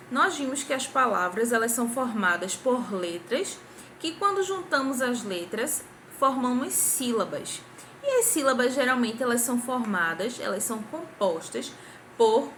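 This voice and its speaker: Clapping out syllables and putting questions to the class, a young woman teacher with a Brazilian Portuguese accent patiently goes over grammar with primary schoolchildren. Her voice is a little high with a fairly bright tone, and there's slight background noise.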